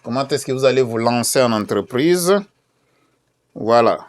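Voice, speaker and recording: A man's voice: medium pitch, expressive, normal speed. Hesitant man promoting a business talk. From DR Congo. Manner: many fillers and repeated phrases; hesitant, repeats key questions. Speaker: event promoter. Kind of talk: casual promotional talk with screen share.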